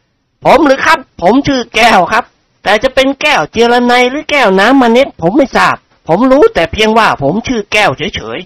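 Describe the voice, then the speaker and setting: A man voicing a cocky, insolent young male student ruffian who talks slowly and teasingly. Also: very high voice, expressive, fairly bright tone, no room sound, pitched above the performer's own voice, exaggerated voice. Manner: slow, teasing and impudent.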